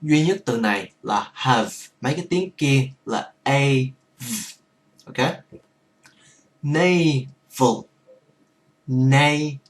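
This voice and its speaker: A man's voice: medium pitch, animated, measured pace, recorded from a distance. A man teaching English pronunciation, reading word lists one word at a time and explaining the vowel sounds. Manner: explains in Vietnamese, quoting English words.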